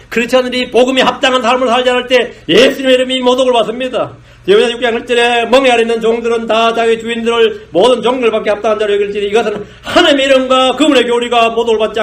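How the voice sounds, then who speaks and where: A pastor with a high-pitched voice delivers a blunt, scolding sermon. He acts out little exchanges between drinkers and churchgoers, dropping into coarse slang and breaking into laughter as he mocks them.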